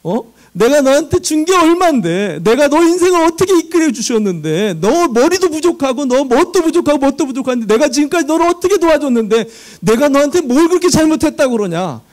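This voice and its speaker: A pastor voicing an exasperated God who loudly scolds a complaining man. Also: extremely high pitch, sing-song, pitched above the performer's own voice. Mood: indignant. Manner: loud, indignant, rapid-fire rebukes.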